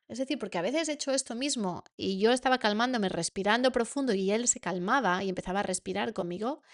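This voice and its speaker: A woman with a Spain Spanish accent, teaching a masterclass to parents as a coach, earnest and repeating words for emphasis. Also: fairly high pitch.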